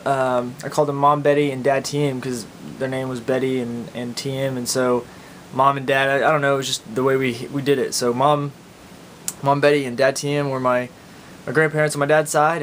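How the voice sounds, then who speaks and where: A man with an Oklahoma accent chatting casually and informally as a video blogger. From Oklahoma, United States. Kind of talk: casual chat to camera, answering accent tag questions. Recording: steady background noise with low rumble.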